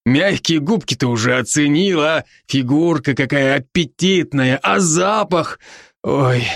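An actor playing a boisterous, teasing male werewolf friend in an audiobook, with brash rapid-fire banter. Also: a little high, gravelly, no echo, clean studio sound. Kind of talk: audiobook character voice.

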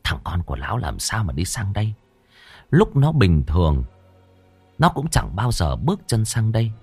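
A man's voice: lowish voice, a little mellow, husky, dry recording. A man reading a scripted audiobook story in a dramatic storytelling manner, shifting into character voices.

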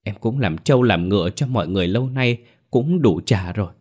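A man's voice: on the low side, expressive, fairly quick, darkish tone. A man voicing a young woman who pleads tearfully in a ghost story audiobook. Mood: pleading.

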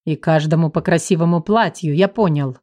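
A woman voicing a teasing, affectionate young male sorcerer who speaks low and lazily. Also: brisk, dark tone, no echo, close to an everyday voice. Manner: wry, affectionate, low and lazy.

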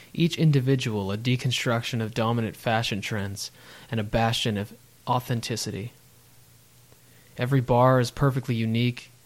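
A man reading a wry, reflective travel-diary narration. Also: mid-range voice.

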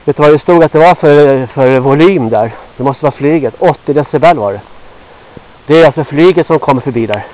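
A man in his sixties from Sweden rambling gruffly to himself on a walk through a forest, sweaty and a little out of breath. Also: on the high side, a little mellow. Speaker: vlogger. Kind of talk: rambling walk-and-talk monologue. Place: outdoors in a forest. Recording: dull lo-fi outdoor recording.

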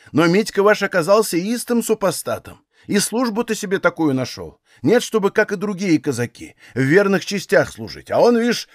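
A man's voice: sits high, no echo. A pious old Cossack mother scolds in a lifted, indignant voice. A man puts her on while reading aloud. The recording is dry and close to the mic.

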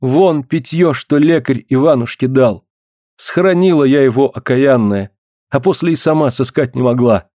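A man reading the part of a grieving boyar's wife in an audiobook, speaking in an archaic, pleading, hushed way. His voice stays close to his own. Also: medium pitch, normal speed, no room sound, lightly acted. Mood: guilt-stricken. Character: grieving guilt-stricken old-Russian boyar's wife, middle-aged woman.

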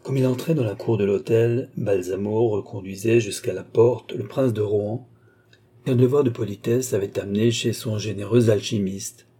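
A man narrating a classic novel for an audiobook. His delivery is steady and measured, with a low pitch and a dark, husky sound.

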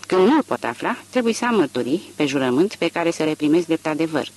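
A calm old judge speaks formally, as though reading from a sheet, as a male narrator voices him. His lines are measured yet move lively in pitch. Nothing about him is hurried.

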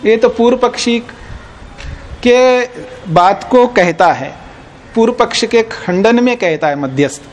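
A man teaching a class, slowly reciting Sanskrit sutras and then explaining them plainly in Hindi, often checking whether his students follow. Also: very high voice, animated, slight background noise. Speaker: teacher of Nyaya philosophy. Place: teaching hall of an ashram.

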